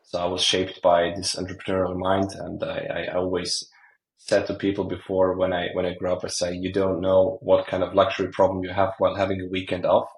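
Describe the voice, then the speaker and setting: Deep, flat-voiced middle-aged man. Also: reverberant, poor audio. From Croatia. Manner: halting, many fillers and restarts. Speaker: startup founder and CEO. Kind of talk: casual interview answers.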